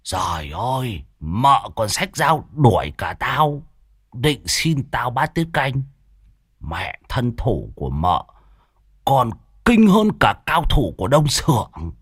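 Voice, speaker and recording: Brief: a boastful, jumpy old villager, exclaiming loudly, voice rising and falling, as the narrator puts him on. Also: male voice, mid-range voice, very animated, slow, husky, dry recording, studio quality, heavily acted. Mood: rattled. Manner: loud exclamations, boastful and rattled. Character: blustering old village man, easily frightened.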